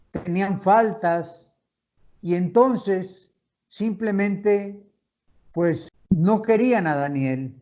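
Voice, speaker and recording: Slow, high-voiced man teaching scripture. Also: darkish tone. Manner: slow, deliberate reading with pauses and restarts. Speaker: Bible study teacher. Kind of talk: Bible study lesson, reading and explaining scripture.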